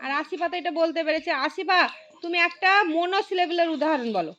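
A woman teaching a primary school class. She calls on pupils by name, repeats key phrases slowly and praises their answers. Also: very high voice, lively intonation, fairly bright tone, highs cut off. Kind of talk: classroom lesson.

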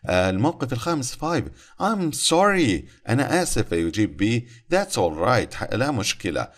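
A man teaching English in a recorded lesson, reading English phrases slowly and then explaining them quickly in Arabic. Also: on the low side, big pitch swings.

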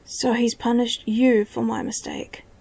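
A woman's voice: on the high side, level tone, unhurried, gravelly, darkish tone, breathy edge, full character voice. Woman voicing a desperate captive prince.

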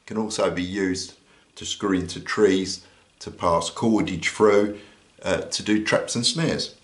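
Seated at an indoor table, an older Brit gives a casual show-and-tell of a survival kit, one piece at a time, with frequent "uh" pauses. The low-pitched voice sounds roomy, and the overhead camera captures his hands while he stays out of shot.

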